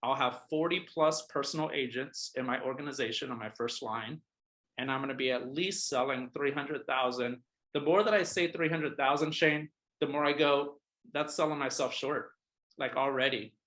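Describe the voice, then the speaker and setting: In an office, a realtor in his thirties gives other agents a casual, emphatic pep talk, hammering points again and often asking "all right?" to check in. His medium-pitched voice is a bit bright and moves at normal speed, captured in a low-quality recording.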